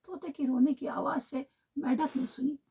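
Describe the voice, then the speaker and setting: A teacher telling a children's story on the radio, talking straight to the children in an animated way. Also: female voice, high-pitched, moderate pace. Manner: animated, addresses children directly. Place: radio studio.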